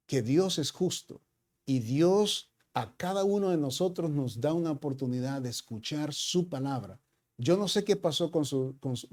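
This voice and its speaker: A man's voice: medium pitch, darkish tone. A man preaching a sermon as pastor in a church, speaking in a conversational way with many fillers and frequent "ok?" checks, sometimes slipping in English "so".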